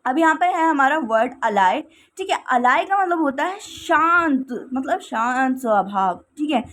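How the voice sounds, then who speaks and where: A woman's voice: sits high, slight background noise. A woman teaching English vocabulary in a casual classroom style, repeating "okay" often and explaining with everyday examples.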